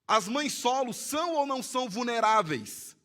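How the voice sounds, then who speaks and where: A man with a Brazilian Portuguese accent, a pastor preaching a sermon in church, swinging between loud emphatic lines and hushed storytelling. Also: very high voice, very animated, normal speed. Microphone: live-streamed church service mic.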